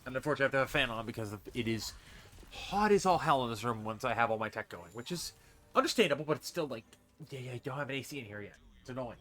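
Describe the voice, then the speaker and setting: A man from Massachusetts with a faint Boston accent talks very fast, his medium-pitched, fairly bright voice lively but stuffy and congested. He's a streamer and vlogger rambling through a casual bedroom vlog, full of restarts and fillers. A fan hums in the room, and he speaks into a desk mic on a stand.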